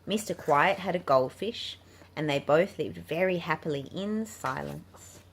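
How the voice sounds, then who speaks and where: Her voice sits low and sounds animated yet unhurried as she reads a picture book aloud to children. She is a storybook narrator and channel host for children's books, heard in a clearly noisy home recording.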